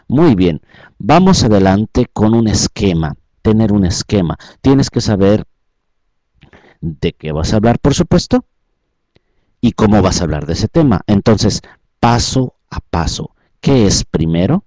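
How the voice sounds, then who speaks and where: A man's voice: on the low side, sing-song, a little slow, no room sound, low-quality recording. A man giving an instructional talk on public speaking, repeating points and asking rhetorical questions. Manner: repetitive, rhetorical questions, varies loudness often.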